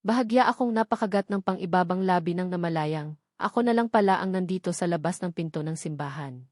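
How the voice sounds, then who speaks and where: A woman reading a romance novel aloud as the narrator, in a soft, emotional storytelling manner. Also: fairly low pitch, quick pace, no room sound, clean studio sound.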